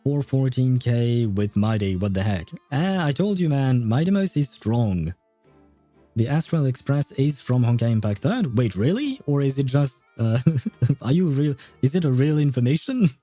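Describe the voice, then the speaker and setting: With a medium-pitched, sing-song delivery at normal speed and a dark tone, a man livestreams a story game while casually thinking aloud and theorizing, swearing mildly and informally. Faint game music plays in the background of a roomy, echoey recording.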